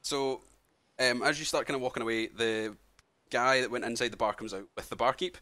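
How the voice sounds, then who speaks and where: A man's voice: medium pitch, steady tone, fairly quick, pushed and bright. A man narrating a tabletop game as game master, rambling and hesitant with many fillers. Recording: background music.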